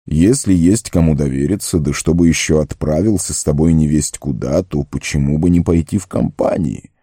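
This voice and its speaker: A man puts on a grave old wizard in an audiobook, commanding and stern. The voice sits very low, dark and gravelly. It is close and dry. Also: dry recording, full character voice. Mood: earnest warning. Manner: grave, slow and warning. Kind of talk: audiobook character reading.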